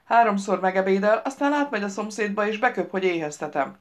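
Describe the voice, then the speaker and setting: A woman reading an audiobook, voicing a loud, bossy middle-aged daughter who scolds and rambles over the phone. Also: mid-range voice, natural voice. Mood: shrill scolding.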